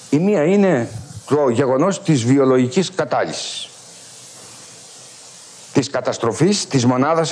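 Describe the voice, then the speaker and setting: A middle-aged man, a philosophy professor, delivering a lecture in an animated, emphatic storytelling manner, with a husky voice. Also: medium pitch. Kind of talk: university-style lecture. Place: lecture hall at a military school.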